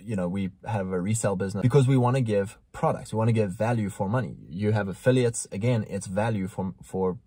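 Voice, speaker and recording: Husky-voiced man, emphatic and preachy. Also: lowish voice, fast talker, hardly any pauses, dark tone, no echo. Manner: emphatic, preachy, gets heated. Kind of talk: casual conversation.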